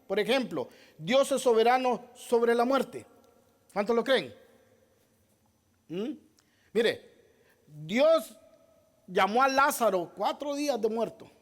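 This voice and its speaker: Male pastor, very high-pitched, emphatic sermon delivery that keeps questioning the congregation. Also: animated, slow pace, long pauses. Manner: repeats key phrases, addresses listeners as brother.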